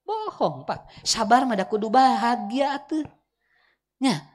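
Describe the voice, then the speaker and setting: A man with a Sundanese accent preaching a humorous Islamic sermon, swinging between loud, high emphasis and quiet asides, often chuckling. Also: unhurried.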